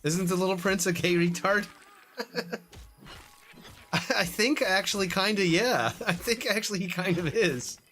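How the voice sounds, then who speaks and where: A man's voice: high voice, unhurried, long pauses, sharp tone, slight background noise. A man streaming an online game, chatting casually and laughing often as he rambles. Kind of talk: casual live gameplay commentary.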